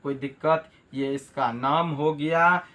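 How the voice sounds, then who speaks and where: A man's voice: a little high, steady tone, slow pace, bright, forceful tone. A man teaching a math lesson, repeating key terms and asking rhetorical check questions. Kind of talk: classroom lesson.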